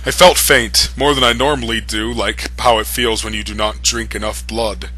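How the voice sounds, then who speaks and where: A man's voice: lowish voice, fairly even intonation, moderate pace, bright, forceful tone, slightly rough. A man reading fan fiction aloud for comedy, breaking in with mocking, amused asides. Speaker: reader.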